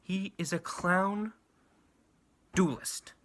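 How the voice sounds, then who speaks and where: A man's voice: high-pitched, very slow, a bit bright. A young man rambling bluntly and profanely through an anime ranking, with many restarts and fillers. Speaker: anime reviewer. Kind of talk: casual ranking rant.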